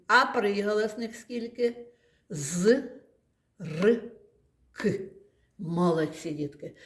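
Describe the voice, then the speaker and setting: A woman's voice: medium pitch, reverberant. A woman teaching a phonics lesson to small children, talking in a patient, sing-song way. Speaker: kindergarten teacher.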